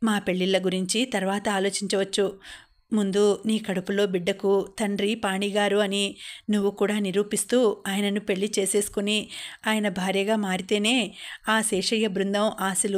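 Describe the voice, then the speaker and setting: A woman's voice: medium pitch, natural voice. A woman reading the lines of a young man who earnestly promises to protect and repay his sister-in-law, in a storybook. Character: young man, grateful protective brother figure.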